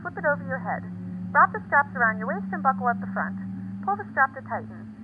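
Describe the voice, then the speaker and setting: Brisk woman on a cabin PA. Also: sits high, sing-song. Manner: brisk, scripted. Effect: aircraft cabin PA speaker. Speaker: flight attendant announcer. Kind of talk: cabin safety announcement. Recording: tinny PA line with faint hiss.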